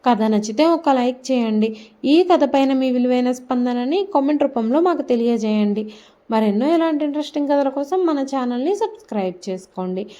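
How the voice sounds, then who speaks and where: A woman storyteller and channel host narrating an emotional scripted story with measured, dramatic pacing. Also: sits high, animated, warm tone, muffled recording.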